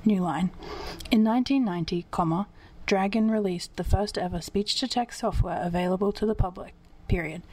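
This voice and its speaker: A woman's voice: mid-range voice, dry recording. A woman reading an article aloud as dictation, carefully speaking each punctuation mark and line break. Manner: speaks punctuation marks aloud, even and deliberate.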